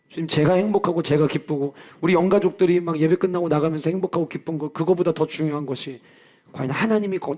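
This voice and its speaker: A man's voice: a little high, a little mellow. A male pastor preaching in a church, earnest and personal. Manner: earnest, personal, with acted-out quotes. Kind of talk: sermon. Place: church sanctuary.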